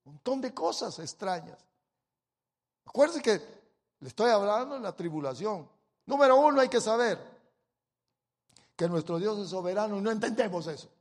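High-voiced preacher, emphatic sermon. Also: male voice, lively intonation, moderate pace, long pauses, big-room sound. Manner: emphatic, swinging between loud exclamations and quiet asides.

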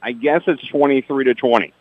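A play-by-play announcer calls a basketball game, rattling off each pass player by player and slipping in dry asides about the refs. His mid-range voice comes through narrow and tinny, with no room sound.

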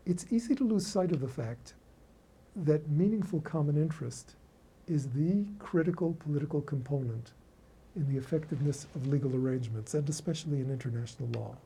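Casting: male academic lecturer, professorial and erudite, formal measured reading, deeply mellow, husky tone. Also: low-quality recording.

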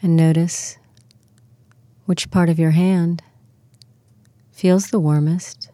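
A woman leading a guided muscle relaxation and visualization, speaking in slow, soothing, soft-spoken instructions. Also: fairly low pitch, steady tone, no room sound.

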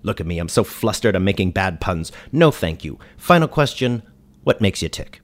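An actor playing a dry, exasperated ghost who hosts a radio show, speaking in a deadpan, wry way. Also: male voice, low-pitched, normal speed. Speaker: host. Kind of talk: comedy radio sketch.

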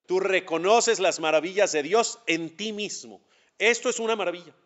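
A male rabbi teaching a religious class, his voice sitting a little high for a man. He talks to his students directly and throws out questions he answers himself. The recording sounds dull and lo-fi. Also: moderate pace, fairly bright tone. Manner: conversational, addresses students directly.

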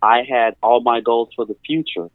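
A man's voice: medium pitch, steady tone, moderate pace, no room sound. A male therapist from California, speaking earnestly and emphatically as a guest in an interview, repeating his key phrases. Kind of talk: conversational interview. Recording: tinny phone-line sound.

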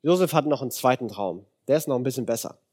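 A young man giving a casual, animated sermon, retelling a Bible story with slang and acted-out quotes. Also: medium pitch, quick pace, husky. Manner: animated, slangy, acts out quotes in different voices. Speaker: preacher.

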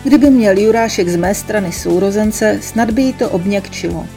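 A shy woman of about thirty, crying as she talks, voiced by a female narrator. Her lines come out plaintive and pleading, a bit higher and louder than the telling around them. Soft music plays faintly under the storybook reading. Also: lightly acted. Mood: tearful. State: sobbing, crying.

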